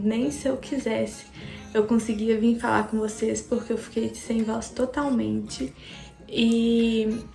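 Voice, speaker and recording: A young woman, a student vlogger, chats casually with her viewers and drops in plenty of fillers. Her voice sits on the high side, creaky and a little mellow. The room is echoey, with faint music in the background.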